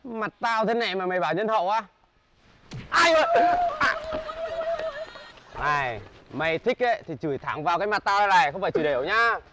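A tough, threatening car owner who barks out demands and flares into shouting, played by a man in a comedy sketch. He has a slightly raised pitch that leaps around with every outburst. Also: expressive, background noise. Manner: gruff, threatening, quick to shout. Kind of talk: web comedy sketch acting.

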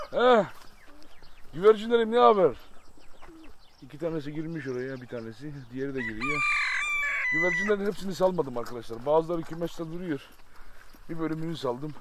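A man's voice: on the high side, heavy background noise. A man chatting casually to viewers while tending and coaxing his animals outdoors by a chicken coop, by turns fond and scolding. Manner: coaxing pet talk, scolding outbursts. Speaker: vlogger feeding his animals. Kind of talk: casual farm vlog chat to viewers. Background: rooster and chickens, birds.

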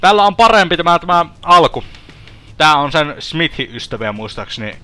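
A man's voice: fairly high pitch, very animated, pushed and bright, faint music behind. A man commenting on his own gameplay in a let's play, swearing and joking, often parroting the game's lines. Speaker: gaming streamer.

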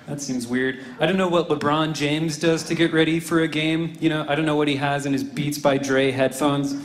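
Laughter fills the gaps as a twentysomething stand-up comic, mic in hand on a club stage, delivers a dry, self-deprecating set heavy on "you know" and "I don't know." His male voice is a little high, and the live club recording has an echoey room and audible crowd noise.

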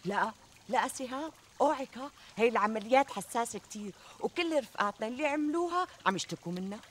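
An actress playing a flattering, reassuring middle-aged Syrian friend who talks emphatically in a TV comedy. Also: female voice, fairly high pitch, fast, close to an everyday voice. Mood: concerned. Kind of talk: conversational TV comedy sketch acting. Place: outdoors in a garden. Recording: outdoor ambience, trickling water noise.

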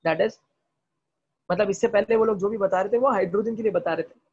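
A man teaches chemistry over a video call, rushing his words and firing repeated questions at his students in Hindi laced with English terms. His voice sits high and has a gravelly, husky edge. The call audio comes through dull and lo-fi. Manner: talks fast. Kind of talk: online class lecture.

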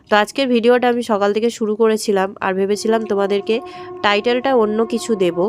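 Fast-talking hoarse woman vlogger. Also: mid-range voice. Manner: chatty, talks straight to viewers. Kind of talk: daily-life vlog voice-over. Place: home, voice-over recorded at night.

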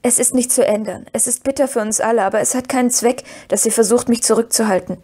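A woman reading the part of Frodo, a worried young male hobbit who speaks hesitantly and gravely. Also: fairly high pitch, steady tone, quick pace, dark tone. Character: earnest young male hobbit, burdened and anxious.

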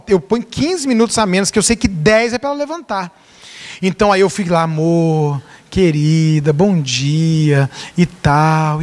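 A pastor with a very high voice delivers a lively sermon full of anecdotes. He acts out the back-and-forth of his stories. The sound carries a long hall reverb. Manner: animated storyteller, acts out dialogue. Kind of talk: sermon with humorous personal stories.

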